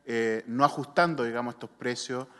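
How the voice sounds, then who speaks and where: Chilean male official, measured and halting, reverberant hall. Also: mid-range voice, fairly bright tone. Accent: Chilean Spanish. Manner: measured, frequent hesitations. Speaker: health superintendent. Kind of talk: official technical explanation. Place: senate committee room.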